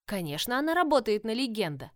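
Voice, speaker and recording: A woman voicing an impulsive, headstrong young woman in love, speaking insistently in a raised, higher voice in an audiobook. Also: very animated, moderate pace, no echo, clean studio sound.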